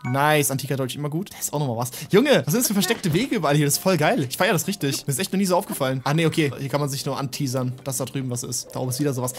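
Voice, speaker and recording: A man's voice: mid-range voice, rapid-fire, few pauses, soft background music. A young man streaming a game, swearing in frustration and talking to his chat. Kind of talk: gaming commentary.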